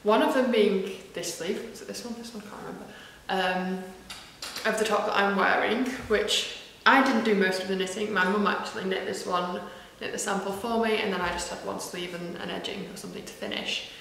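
A woman's voice: medium pitch, steady tone, a little fast, a bit bright, a little hiss or hum. A woman from northwest England, a knitwear designer chatting casually to camera, self-deprecating and full of ums and asides. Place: large echoey room in a house. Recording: very echoey big room.

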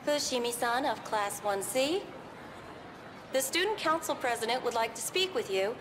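An actress voicing a young woman making a formal school announcement over a PA loudspeaker. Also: fairly high pitch, lively intonation, moderate pace, noisy background. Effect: heard over a school PA loudspeaker. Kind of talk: video game voice acting.

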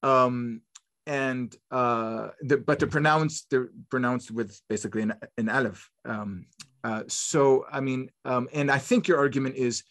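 A man's voice: mid-range voice, unhurried, fairly bright tone. Hesitant man hosting an interview. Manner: hesitant, searching for words. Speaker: host. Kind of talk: interview questions.

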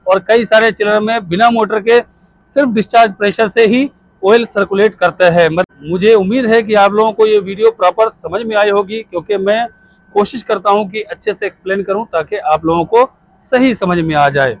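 A man's voice: sits high, moderate pace, poor audio. A man in his thirties explains a screw chiller step by step outdoors on a rooftop, while a helper films on a phone. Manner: explains step by step, pointing at parts. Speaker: HVAC instructor. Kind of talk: hands-on technical explanation. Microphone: phone camera held by a helper.

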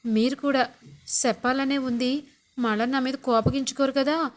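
A scheming young daughter-in-law who wheedles and sighs theatrically while spilling family secrets, as a woman acts her out. The voice sits somewhat high. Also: steady tone, normal speed, lightly acted. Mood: sly wheedling. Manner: sly, wheedling, dramatic sighs.

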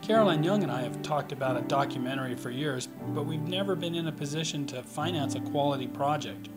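A man's voice: fairly high pitch, brisk. A middle-aged man, a filmmaker, making a sincere appeal straight to camera. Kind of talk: pitch to camera. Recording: voice over loud music.

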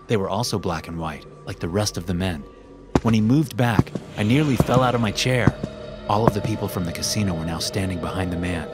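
A young man narrating a horror story in a tense, hushed voice, swearing casually. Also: fairly low pitch. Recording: narration over loud music.

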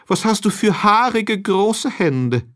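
A man's voice: slow pace, full character voice. A man voicing an innocent, eager young girl in a fairy tale, asking questions in a raised voice. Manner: high, lively questions.

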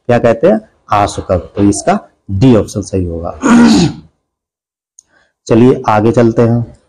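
A man's voice: mid-range voice, warm tone, poor audio. A male teacher giving an exam-prep grammar lesson, explaining each answer step by step and answering his own questions. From India.

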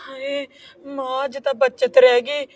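A woman's voice: high-pitched, level tone, a little slow, a little mellow, recorded from a distance. A woman playing a younger sister who scolds her sister-in-law. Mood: reproachful.

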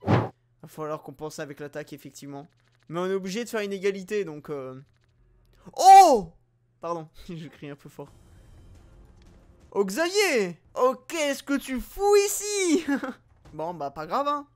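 A man giving excited, jokey gameplay commentary, bursting into loud exclamations. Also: high-pitched, moderate pace. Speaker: gaming YouTuber.

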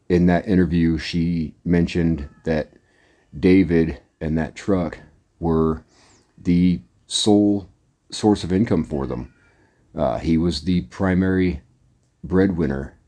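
A middle-aged man talks casually to his audience in a low, mellow voice. He rambles in a plain, down-to-earth way and fills the gaps with "uh" and "anyways." He sounds like a working trucker speaking off the cuff. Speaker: trucker vlogger. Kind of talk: casual monologue to camera.

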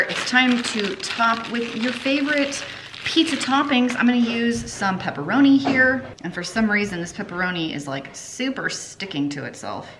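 A woman's voice: mid-range voice, a bit bright. A woman in her thirties chats upbeat and self-mocking as she preps meals in a home kitchen. The room rings with echo, and a faint noise sits under her voice. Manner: chatty, upbeat, self-joking asides. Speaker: cooking vlogger. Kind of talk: casual kitchen vlog talk. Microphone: camera on counter at mid distance.

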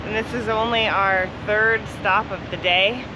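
A woman's voice: mid-range voice, fairly even intonation. Chatty woman vlogging from a motorhome. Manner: upbeat, chatty, quick to laugh. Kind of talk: casual travel vlog chat. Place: inside a motorhome and outdoors in a truck-filled parking lot at night. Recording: noisy road and parking lot background.

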